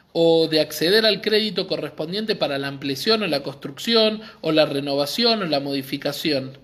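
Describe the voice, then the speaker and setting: A community library speaker with an Argentine Spanish accent gives an earnest, explanatory talk on a live stream, often checking in with listeners. His voice is high and fairly bright.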